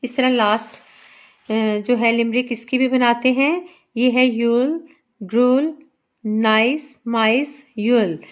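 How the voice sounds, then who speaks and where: A woman teacher with a Pakistani accent, explaining a lesson slowly and counting out syllables with care. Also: on the high side. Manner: slow, careful, spells out syllables and counts aloud. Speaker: English teacher. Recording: dull lo-fi sound.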